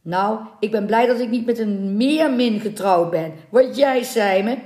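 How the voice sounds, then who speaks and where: A woman voicing rough male fishermen who mock a captured mermaid in a storybook reading, speaking loudly and scornfully. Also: a little high, expressive, slow pace, voice pushed up. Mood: jeering. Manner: loud, scornful, raised voice. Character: rough mocking male fishermen, jeering crowd. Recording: roomy echoing room.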